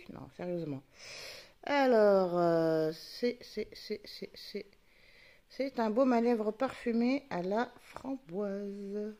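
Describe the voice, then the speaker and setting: A woman talks casually to her viewers, thinking aloud and muttering asides as she goes. Her pitch rises and falls widely. A faint noise sits under the recording. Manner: chatty, talks to the camera focus, muttering asides. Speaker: YouTuber unboxing advent calendars. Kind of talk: casual chat.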